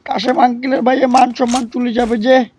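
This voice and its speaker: A man giving excited commentary on a shooter game he is playing, shouting repeated commands and hyping himself up. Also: very high voice, a little fast. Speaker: gamer streaming a shooter. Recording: gunfire and game noise behind voice.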